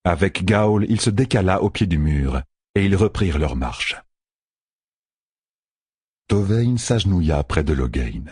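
A man narrating an audiobook in an expressive storytelling manner. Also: low voice, unhurried, pauses often, breathy edge, no echo, studio quality. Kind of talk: scripted narration.

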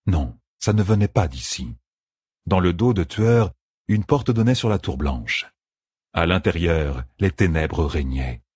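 A man reading a fantasy novel aloud in a steady, measured narration. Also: low-pitched, slightly rough, dry recording, clean studio sound. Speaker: audiobook narrator.

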